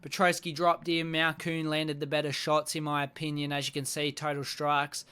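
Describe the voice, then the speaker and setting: A man's voice: a little high, level tone, normal speed, bright, forceful tone, clean tone. A man recapping fight-night bouts in casual chat, blunt and swearing constantly as he rants at the fighters. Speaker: MMA recap host.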